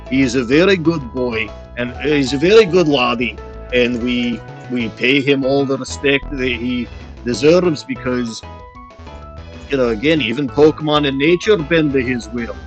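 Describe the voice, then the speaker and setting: Man through a deepening voice changer. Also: highs cut off. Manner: playful mock-pirate talk with "aye" and "lad". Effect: voice changer shifting the voice deeper. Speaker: streamer. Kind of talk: rambling livestream commentary.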